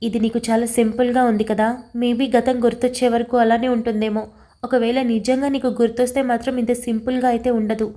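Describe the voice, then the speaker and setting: A woman's voice: fairly high pitch, little pitch movement, fast, dark tone, close to an everyday voice. A woman voicing an anxious young woman in love, pleading through tears in a storybook reading. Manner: pleading, tearful.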